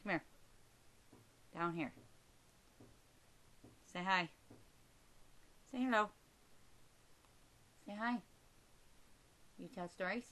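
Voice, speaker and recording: A woman's voice: medium pitch, drawn-out words, long pauses, pushed and bright. A woman chatting casually to her pet budgie, coaxing it with short repeated prompts and endearments. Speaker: pet owner filming her bird. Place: recorded while handling the camera herself.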